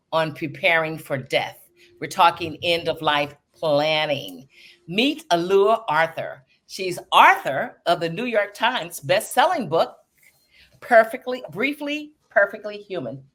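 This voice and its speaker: A woman in her fifties hosting a podcast interview, effusive and enthusiastic, with gushing exclamations. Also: deep voice. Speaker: podcast host.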